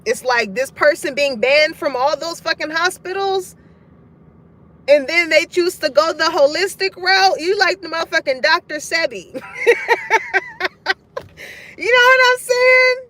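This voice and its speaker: A woman's voice: high-pitched, normal speed, a bit bright, slight background noise. A woman giving a casual tarot reading to her collective audience, frank and profane, laughing often as she talks. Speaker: tarot card reader.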